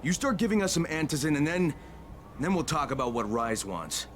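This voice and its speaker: An actor playing a gruff, defiant undercover operative in a video game, casual and plainspoken. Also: male voice, fairly high pitch, very animated, brisk. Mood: defiant, angry.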